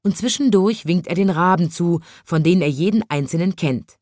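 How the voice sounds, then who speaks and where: Gentle woman reading a children's story. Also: lowish voice, moderate pace, no room sound, studio quality.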